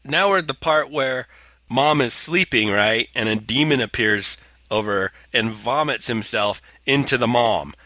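A man's voice: mid-range voice, measured pace, pushed and bright, dry recording. A man co-hosting a movie discussion, bantering casually in a sarcastic, mocking way. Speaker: co-host of a comedic movie discussion show.

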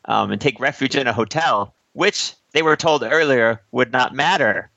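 A man's voice: medium pitch, moderate pace, vocal fry, sharp tone, no echo, highs cut off. A man co-hosting a movie discussion, joking casually with a wry manner. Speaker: co-host of a comedic movie discussion show.

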